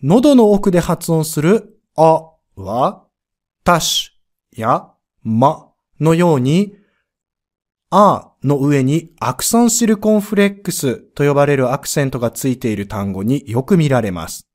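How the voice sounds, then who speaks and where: Man, pronunciation teacher, slow unhurried pace, lively rising and falling pitch, spells out letters and sounds out vowels. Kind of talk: podcast pronunciation lesson.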